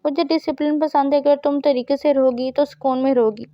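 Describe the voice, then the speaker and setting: A woman's voice: sits high, steady tone, dry recording, dull audio, lightly acted. A woman reading the part of a stern, cold male boss who speaks in curt commands.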